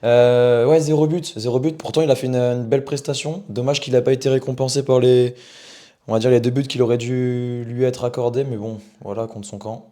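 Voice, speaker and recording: A young man with a French accent co-hosting a live football chat stream, talking in a relaxed, chatty way with lots of fillers. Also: medium pitch, brisk. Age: young adult. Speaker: co-host.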